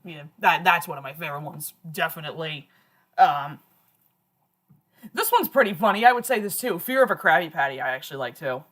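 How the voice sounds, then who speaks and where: A woman's voice: sits low, expressive, brisk, fairly bright tone. A woman hosting a livestream, chatting casually and laughing often. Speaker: livestream host. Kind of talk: casual chat.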